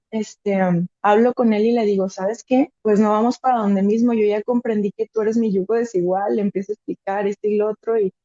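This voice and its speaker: A woman tells her personal testimony earnestly, slipping into the voices of people in her story. Her voice sits a little high and has a mellow, soft tone. The recording is dry and somewhat dull, with a lo-fi feel. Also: dry recording. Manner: earnest, acts out quoted dialogue. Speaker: guest giving a testimony.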